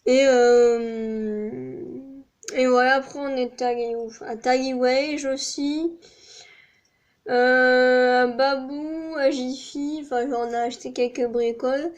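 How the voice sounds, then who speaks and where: A woman's voice: sits high, fairly even intonation, slow pace, dull audio. A young woman chatting casually to camera in a vlog, rambling with lots of fillers and restarts. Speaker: vlogger.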